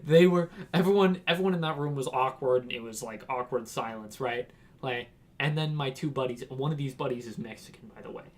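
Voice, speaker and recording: Speaking fairly quickly in a mid-range voice, a young man who vlogs from Washington in the United States rambles through a casual story. He laughs as he goes and acts out the quotes.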